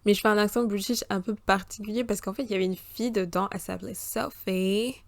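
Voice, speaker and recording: A woman in her twenties from the Republic of the Congo and the Central African Republic hosts a casual solo podcast, her medium-pitched voice steady, fast and gravelly on a dry recording. She's chatty and slangy, swears on her mother and slips into voices.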